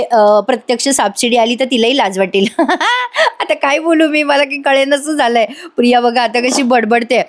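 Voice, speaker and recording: A woman giving a chatty voice-over review of a TV serial episode, exclaiming and speaking straight to her audience. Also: fairly high pitch.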